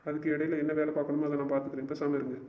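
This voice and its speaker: A man's voice: fairly high pitch, flat delivery, racing, lightly acted. A young man playing a stubborn young man who is hurt and fed up with his girlfriend, and who talks in an insistent, exasperated way and repeats himself. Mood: frustrated. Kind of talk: amateur web drama acting. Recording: dull lo-fi recording.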